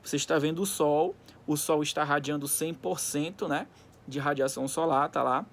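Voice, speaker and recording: A man's voice: on the high side, steady tone, moderate pace, slight background noise. A man teaches a recorded school lesson. He dictates in short segments as if students are following along in the textbook, explaining didactically and often adding little tags to check they are with him. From Brazil.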